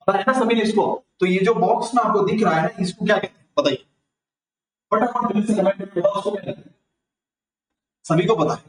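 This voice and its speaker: A man's voice: high-pitched, a little hiss or hum. A man with a Rajasthani Hindi accent teaching an online grammar lesson, asking the class questions and answering them himself. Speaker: tutor. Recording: echoey room, mic far off.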